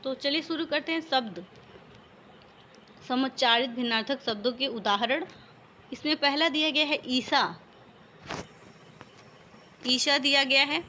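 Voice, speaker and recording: High, bright-voiced woman teaching. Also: moderate pace, long pauses, a little hiss or hum. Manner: patient, methodical word-by-word explanation. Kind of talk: explaining Hindi vocabulary.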